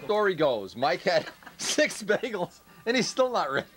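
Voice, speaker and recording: A man's voice: sits high, very animated, a little slow, fairly bright tone, a little hiss or hum. A man giving casual hands-on workshop commentary, joking and teasing his helpers as he instructs them. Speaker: host, model plane builder directing helpers.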